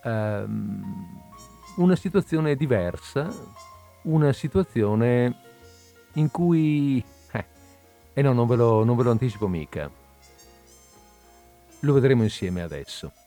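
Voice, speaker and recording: A man's voice: medium pitch, expressive, slow pace, creaky, pauses often, warm tone, soft background music. A man reading a short story aloud, with chatty asides before he starts the reading. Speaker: reader of short stories. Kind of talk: reading literary fiction aloud.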